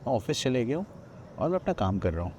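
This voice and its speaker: A man's voice: medium pitch, big pitch swings, fast talker, a little mellow, slight background noise. A man from Odisha, a podcast guest, retelling a personal ghost story with many quoted lines of dialogue, recorded outdoors at a riverside ghat. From Odisha, India.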